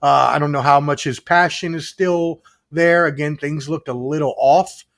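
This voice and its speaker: Higher-voiced man giving sports takes. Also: steady tone, normal speed, a bit bright. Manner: conversational, emphatic, stacks up points. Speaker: guest sports analyst. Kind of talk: casual sports podcast chat.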